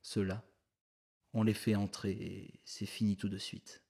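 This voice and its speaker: A man's voice: fairly low pitch, little pitch movement, unhurried, gravelly, dark tone. A man reading as a polite club secretary. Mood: earnest. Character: polite, earnest male club secretary guiding a visitor.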